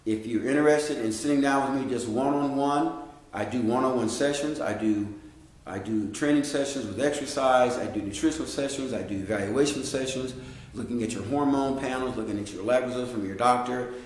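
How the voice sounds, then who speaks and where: A middle-aged man coaches his listeners in a folksy, direct way, speaking at an average pitch. His voice rings out in a strongly echoing room. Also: fairly quick. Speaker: health coach. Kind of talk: educational monologue. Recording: very echoey room.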